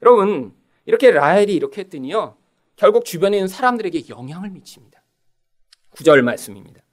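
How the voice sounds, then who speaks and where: Middle-aged male pastor, high lively voice, animated sermon delivery that acts out quoted lines. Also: fast.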